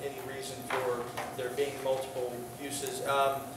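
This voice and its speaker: A pastor teaching a Greek class in a roomy hall. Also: male voice, mid-range voice, monotone. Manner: halting, many fillers and restarts, jokey with students. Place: church classroom. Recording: roomy, distant classroom recording with faint hiss.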